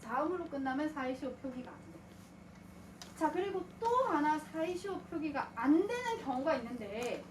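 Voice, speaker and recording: A woman lectures on grammar in a high, animated voice, firing questions at her students and then answering them herself. She sounds a little distant from the mic, in an echoey room. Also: moderate pace, a little hiss or hum. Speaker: Korean grammar teacher.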